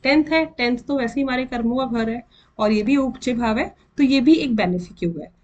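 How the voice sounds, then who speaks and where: A woman with an Indian accent teaching astrology in a slow, deliberate way, counting out and repeating terms as she explains. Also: fairly high pitch, darkish tone, dull audio. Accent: Indian English mixed with Hindi. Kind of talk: explanatory lesson.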